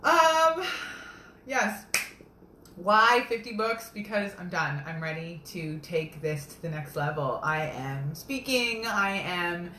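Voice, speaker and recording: A young woman talks to her viewers on a live video, rambling and upbeat about her romance novels. Her voice is bright and forward. It bounces around an echoey kitchen, with a faint hum of room noise behind her. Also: lowish voice, slow pace. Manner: chatty, rambling, earnest and upbeat. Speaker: self-published romance author. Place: home kitchen.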